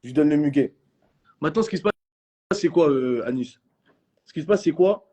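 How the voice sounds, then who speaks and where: A young man races through his stories in a live chat. His voice is husky and mellow, and he fills the telling with slang and acts out what others said. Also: fairly high pitch, brisk. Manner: animated storytelling in slang, acting out others' lines. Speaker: reality show contestant.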